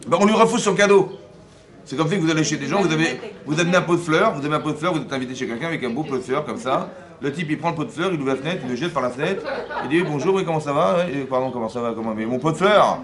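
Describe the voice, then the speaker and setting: A man, a rabbi, giving a lively Torah class, often acting out dialogue and asking his listeners whether they follow. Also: fairly high pitch, racing, crowd noise. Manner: acts out dialogue in first person.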